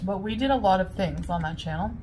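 A woman chats through a mouthful of food, talking while chewing in a casual eating vlog. Her voice sits at an ordinary pitch for a woman, and she chats about what she's eating. A faint hum of background noise sits under her voice. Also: a little fast, darkish tone. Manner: chatty, describes her food. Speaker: vlogger.

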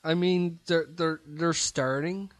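Slow-talking laid-back man, dry sound. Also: fairly high pitch, fairly even intonation, no echo. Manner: short agreeing replies, laid-back. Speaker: podcast co-host. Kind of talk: casual wrestling chat.

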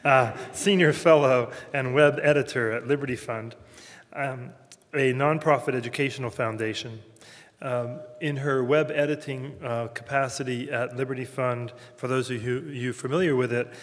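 A man with a Southern American accent giving a formal introduction at a campus lecture, halting often with fillers and restarts. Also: mid-range voice, fairly even intonation. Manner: hesitant, many fillers and restarts. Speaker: host introducing a speaker. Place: university lecture room. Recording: reverberant lecture hall.

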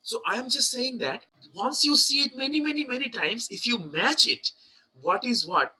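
Man leading a chant lesson, high and bright-toned. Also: animated, poor audio. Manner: chants syllables slowly, then explains in a quick, searching way. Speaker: chanting teacher.

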